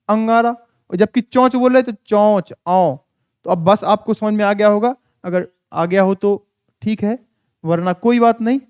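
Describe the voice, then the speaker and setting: A man's voice: extremely high pitch, darkish tone, clean tone, no echo, studio quality. A man teaching a classroom-style grammar lesson at a board. He patiently spells out sounds syllable by syllable, quizzes his students and repeats key words to drill them in.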